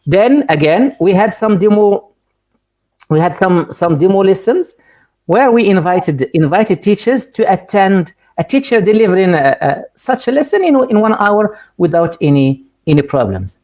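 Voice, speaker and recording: A middle-aged Moroccan man with a mellow, darker tone speaks to teachers over a video call. He talks earnestly, stumbling and repeating words, then jumps up in pitch to stress key ideas. His Moroccan accent is clear throughout. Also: animated, normal speed. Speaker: guest speaker, ELT supervisor. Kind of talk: webinar lecture and Q&A.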